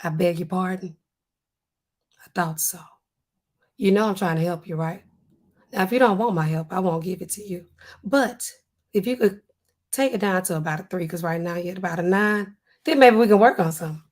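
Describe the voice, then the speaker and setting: A woman pharmacist hosts a casual livestream, going through comments in her neon-signed home studio. Her voice is hoarse, husky and weak, and her energetic delivery turns slow and low whenever she aims to sound stern.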